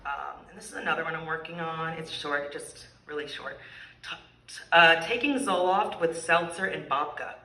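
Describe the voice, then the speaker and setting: A woman's voice: low voice, normal speed, sharp tone, distant mic, a little hiss or hum. Woman reading poems aloud in an echoey room. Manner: laughs between poems, self-deprecating asides. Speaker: poet. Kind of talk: live poetry reading with casual asides. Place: live reading venue, indoors.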